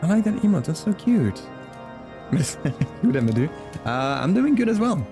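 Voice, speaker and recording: This live-stream chat features a friendly man, a native Flemish speaker, addressing viewers by name and laughing frequently while game music runs underneath. His voice is on the high side with big pitch swings, delivered at a measured pace.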